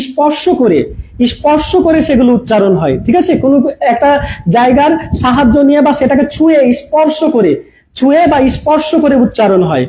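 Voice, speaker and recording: A man teaches a grammar class in front of a projector, talking into a camera. His voice sits very high yet sounds soft and dark. He repeats each point and keeps asking his viewers questions, with a faint hiss under the recording. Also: poor audio. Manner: code-mixes English words into his speech. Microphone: camera mic.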